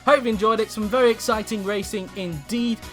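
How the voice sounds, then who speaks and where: A man commentating a sim racing league race, calling overtakes with rising excitement and then reading out the results. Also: high-pitched, brisk, soft background music. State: out of breath.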